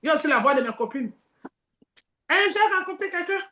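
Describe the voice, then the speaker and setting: A woman's voice: high-pitched, expressive, fast, sharp tone, roomy sound. A woman preaching a sermon, acting out the tempting voices in dialogue.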